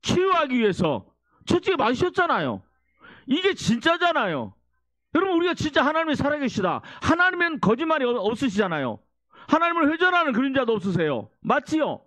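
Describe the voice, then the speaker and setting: High-voiced, lively man preaching a sermon. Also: fairly quick, no echo. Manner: exhorting, prompts the congregation to repeat and answer. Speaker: pastor. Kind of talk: sermon with call-and-response.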